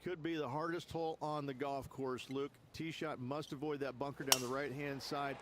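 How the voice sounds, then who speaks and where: A man giving measured, explanatory colour commentary in a golf video game. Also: mid-range voice, fairly even intonation, a little hiss or hum, close to an everyday voice. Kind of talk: sports commentary.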